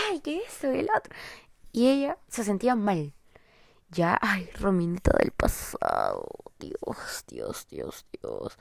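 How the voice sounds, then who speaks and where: A woman's voice: mid-range voice, darkish tone, no room sound, clean studio sound. A young woman gives relationship advice to her viewers in a casual monologue, emphatic and repetitive, often checking that they understand. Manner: emphatic, repeats herself, keeps asking "me entienden". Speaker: vlogger giving advice.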